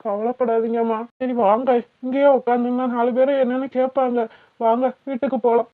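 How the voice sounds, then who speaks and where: A woman's voice: a little high, level tone, fairly quick, dry recording, natural voice. A woman voicing a dutiful young adult eldest son in a cartoon, earnest and reassuring, with a southern Tamil Thoothukudi accent. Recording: tinny phone-like cartoon audio.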